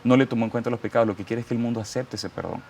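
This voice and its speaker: A mid-range, steady, slightly mellow but creaky voice delivers rapid-fire speech from a man with a Venezuelan Spanish accent. As an interview guest, he offers a fervent, preacherly testimony and quotes scripture. Slight background noise is audible.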